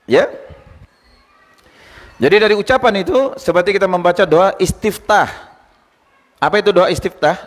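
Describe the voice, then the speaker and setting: A male Islamic teacher giving a lively study lecture, quizzing his listeners and retelling anecdotes. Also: sits high, moderate pace, long pauses. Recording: long hall reverb.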